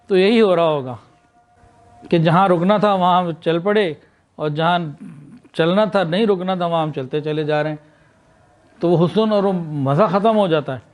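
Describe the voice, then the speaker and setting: A man with a Pakistani Urdu accent giving a religious lecture, asking the listeners questions and then answering them himself. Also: high voice. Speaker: Islamic lecturer.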